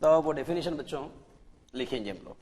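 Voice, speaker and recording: Male teacher, Indian English accent, slightly high voice, slow dictation, long hall reverb. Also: expressive, darkish tone. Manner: slow dictation, repeating words for children to write. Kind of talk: televised classroom lecture. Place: classroom studio.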